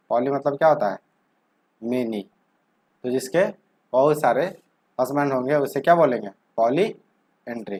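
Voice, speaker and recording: A man's voice: mid-range voice, darkish tone. A young man teaching vocabulary in a lesson, asking questions and answering them himself and drawing words out as he says them. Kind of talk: explanatory lesson with questions to the viewer.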